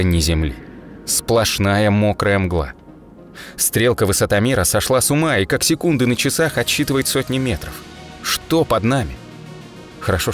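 In the manner of an audiobook narrator, a lowish-voiced man reads a dramatic story told in the first person. His phrasing is short and measured yet expressive, and music runs in the background.

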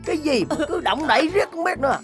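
A woman's voice: high-pitched, expressive, fast talker. An actress playing a blunt, exasperated relative who chides an old woman in a film drama. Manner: chiding, exasperated. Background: film score music.

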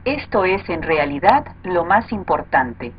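A woman delivering smooth, measured, persuasive promotional narration as a voice-over. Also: lowish voice, sing-song. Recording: dull lo-fi audio with faint noise.

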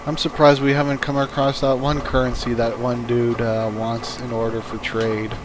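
A man swearing freely while playing a video game with friends, quick to snap. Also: medium pitch, flat delivery, noisy background. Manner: profane, quick-tempered. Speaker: gamer. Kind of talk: casual let's-play chat.

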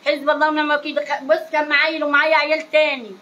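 High, rapid older Egyptian woman pleading. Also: little pitch movement, sharp tone, muffled recording. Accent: Egyptian Arabic (Cairo). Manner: pleading, repeats oaths and prayers. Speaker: market vendor. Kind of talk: street interview.

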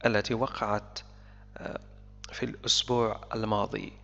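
Gravelly male teacher, echoey dull sound. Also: lowish voice, flat delivery, normal speed, a bit bright. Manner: explains word by word with short repeats. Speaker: English teacher. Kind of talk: explanatory language lesson.

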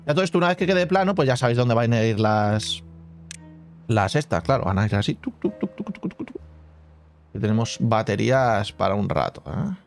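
A man's voice: medium pitch, expressive, a little fast, faint music behind. A man casually commenting on his own gameplay as a channel host, thinking aloud and humming little sound effects. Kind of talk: casual let's-play commentary.

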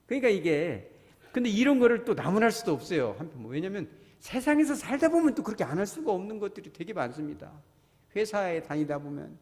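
A male pastor preaches with a lively, swinging pitch that sits a little high for a man. He talks to the congregation in a chatty way, acts out other people's voices and keeps asking them questions. The sound carries a long church-hall reverb. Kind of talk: sermon. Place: church sanctuary.

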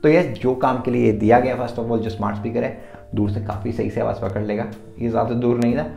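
A man with a gravelly, fry-tinged voice walks through a gadget review in a casual, chatty way, switching between Hindi and English. He speaks into his own mic in a roomy space with a noticeable echo, and faint music sits underneath. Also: mid-range voice, steady tone, a little fast, warm tone. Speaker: tech reviewer. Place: indoor room lit by softbox lights. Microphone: his own mic set up.

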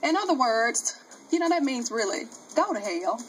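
A woman's voice: a little high, big pitch swings, normal speed. A woman speaking in a reality show confessional, with a flamboyant, theatrical manner, sometimes calling herself she. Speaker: reality TV cast member. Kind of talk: confessional TV interview. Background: music.

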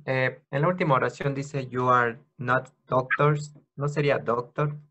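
A man's voice: mid-range voice, fairly even intonation, measured pace, fairly bright tone, muffled recording. Hesitant male student on a call. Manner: hesitant, questioning. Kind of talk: asking questions in class. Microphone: video call.

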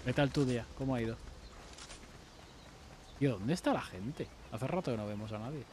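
A man from Spain with a Spanish accent, streaming a game live with friends, excitable and repeating his calls out loud. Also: mid-range voice, normal speed, noisy background. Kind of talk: live gaming chat.

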